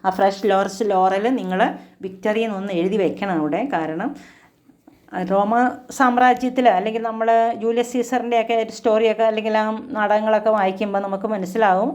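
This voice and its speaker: A woman with a Malayali accent teaching an English poem. She reads the lines slowly and then explains them in quick, chatty bursts, asking herself questions. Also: medium pitch, steady tone, darkish tone. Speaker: literature teacher.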